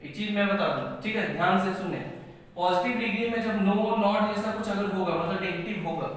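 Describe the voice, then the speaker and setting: A man, teaching English grammar in a high voice. He works through each rule step by step. The sound is strongly echoey, with a long reverb, picked up from far off the mic. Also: brisk. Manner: explains step by step, says "ठीक है" often. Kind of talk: classroom lesson.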